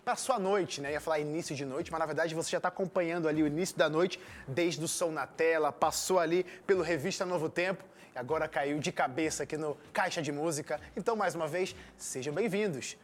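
A man from Rio de Janeiro, Brazil, with a Carioca Brazilian Portuguese accent presents a music show conversationally. His voice is on the high side and brisk.

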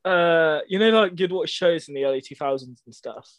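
A young man co-hosting a podcast, teasing and quick to laugh in casual chat. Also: a little high, no echo. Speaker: podcast co-host.

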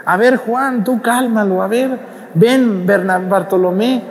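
A priest putting on a frantic apostle in a storm. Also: male voice, high voice, a little slow, pitched above the performer's own voice. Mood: panicked. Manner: frantic, bossing the others around. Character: panicking apostle in a storm-tossed boat, adult man. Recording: long church reverb.

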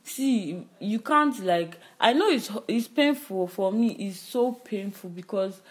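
A young woman, co-hosting a podcast and retelling a painful loss in a halting, emotional way with many restarts. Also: mid-range voice, expressive, darkish tone. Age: young adult. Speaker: podcast co-host. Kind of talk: casual conversation.

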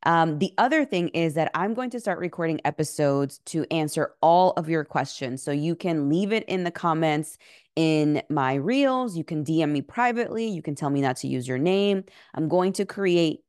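A woman's voice: low-pitched, animated, moderate pace, darkish tone, clean tone, dry recording, clean studio sound. A woman hosting a casual relationship podcast, speaking emphatically with slightly slurred speech from a numb, swollen face after dental surgery. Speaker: podcast host and relationship coach.

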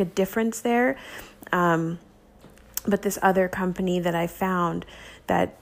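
A woman's voice: lowish voice, a little mellow. Candid, self-doubting woman podcaster. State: emotional, close to tears at times. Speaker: podcast host. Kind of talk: casual solo podcast monologue.

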